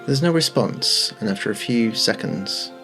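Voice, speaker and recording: A man narrating a tabletop game as game master in a measured, descriptive way. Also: on the low side, animated, over music.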